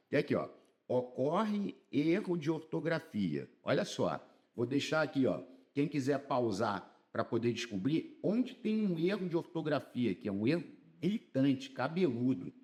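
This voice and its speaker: A Brazilian man teaching exam-prep Portuguese in a casual video lesson, animated and colloquial, stretching words for emphasis. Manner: animated, lively pitch swings, colloquial asides and stretched emphasis.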